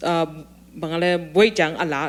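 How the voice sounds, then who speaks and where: A woman in casual talk-show conversation, explaining things in a calm, measured way.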